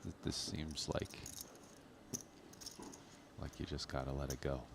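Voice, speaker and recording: A man with an extremely deep voice gives casual poker analysis. He talks conversationally, in loose, hedged phrases. There is clear background noise and ambience around him. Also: level tone, unhurried. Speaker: professional poker player, guest commentator.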